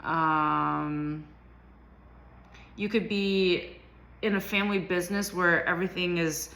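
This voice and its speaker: Bright-voiced woman reading tarot. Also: on the low side, fairly even intonation, slow, creaky. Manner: loose, filler-heavy talk with many ums and likes. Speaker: tarot reader.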